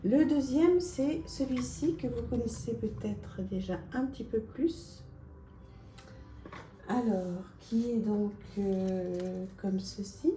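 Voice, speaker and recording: A woman presenting oracle card decks in a casual, chatty vlog, with lots of small pauses and fillers. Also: fairly high pitch, dark tone, echoey room, slight background noise. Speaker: tarot and oracle card reviewer.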